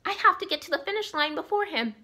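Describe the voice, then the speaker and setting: A woman's voice: extremely high pitch, animated, fast, sharp tone, exaggerated voice. A young woman voicing a worried, exclaiming male hare puppet in a children's fable. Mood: alarmed. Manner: alarmed, exclaiming.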